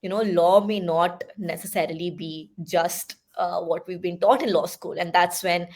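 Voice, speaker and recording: In a conversational podcast interview, a young adult Hindi speaker with an Indian English accent reflects on her journey, using frequent fillers and asides. Her voice is on the low side and darkish, with fairly even intonation and a normal speaking speed.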